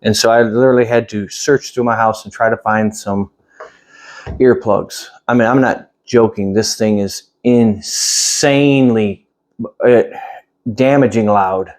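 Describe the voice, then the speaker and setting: At home indoors, a male product reviewer gives a casual, hands-on demo, thinking aloud in a plain-spoken, rambling way. His voice is on the low side and a little mellow.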